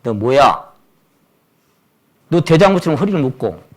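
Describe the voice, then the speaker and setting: A man preaching who voices God speaking to Job, first softly apologizing, then sternly questioning. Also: mid-range voice, very animated, a little slow. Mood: stern, challenging. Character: God speaking to Job, elderly male deity.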